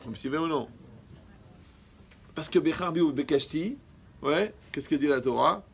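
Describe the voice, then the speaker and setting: A man from Morocco, a rabbi, giving a lively religious lecture full of jokes and often checking that his audience is following. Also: fairly high pitch, moderate pace, vocal fry, slight background noise.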